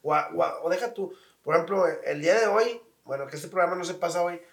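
A man with a higher-pitched voice, chatting casually as host and spinning stories in slang. He sounds a bit distant from the mic, in an echoey room. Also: fast, a bit bright. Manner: storytelling, slangy, acts out voices in his anecdotes. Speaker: podcast host. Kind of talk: casual chat.

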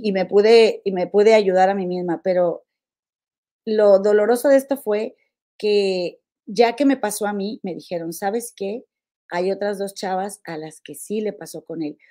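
A woman in her forties with a Mexican accent, hosting a podcast and telling a personal story in a confiding, animated way. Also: mid-range voice. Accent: Mexican Spanish. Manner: confiding, animated, many fillers and repeats. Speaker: podcast host. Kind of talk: casual storytelling to listeners.

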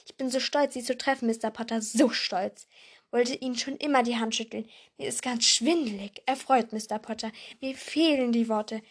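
A woman voicing an excitable, gushing elderly male wizard in a storybook reading. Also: fairly high pitch, moderate pace, slightly rough.

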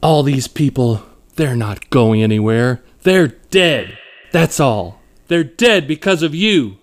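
A man voicing a young woman who escaped a cult, shouting in anguish. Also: mid-range voice, animated, takes it slowly. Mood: furious.

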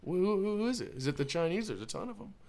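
A man's voice: high voice, big pitch swings, fast talker, a crowd in the background. A man co-hosting a podcast in crude casual banter, rambling, repeating himself and laughing often. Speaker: podcast co-host.

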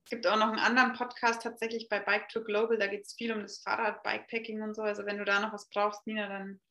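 A woman's voice: mid-range voice, level tone, quick pace, sharp tone, echoey room. A woman guest on a podcast, talking in an upbeat, encouraging way and mixing English phrases into her speech. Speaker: podcast guest, cycling traveler. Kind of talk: casual podcast interview.

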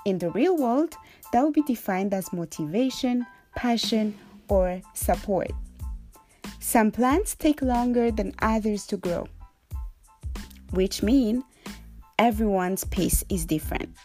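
A woman's voice: medium pitch, animated, slow, pauses often, darkish tone, faint music behind. A young woman from Rwanda hosting her own podcast, upbeat and playful, giving a motivational talk. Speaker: podcast host. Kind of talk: solo podcast monologue.

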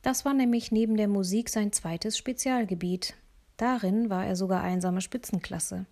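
A woman narrating a children's audiobook in the first person, lively, with soft breathy asides. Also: medium pitch, moderate pace.

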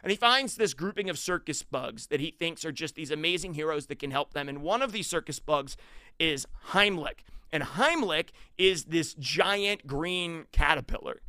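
A man preaching a sermon, animated and conversational, who acts out quoted voices with rising volume. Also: fairly high pitch, moderate pace, no room sound, clean studio sound.

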